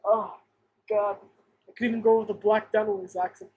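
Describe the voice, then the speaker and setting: A woman's voice: medium pitch, flat delivery, fairly quick, phone-quality sound, slight background noise. A woman co-hosting a podcast in casual, enthusiastic chat, laughing often. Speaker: podcast co-host.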